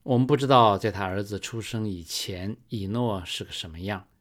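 Slow, low-voiced male preacher. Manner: slow, measured storytelling with emphatic rises. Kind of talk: sermon.

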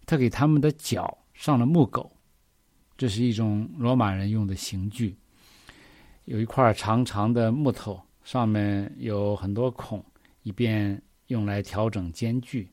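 A man's voice: on the low side, unhurried, darkish tone, dry recording, clean studio sound. A man preaching a sermon, reading scripture verses and explaining them earnestly, often asking the listeners questions.

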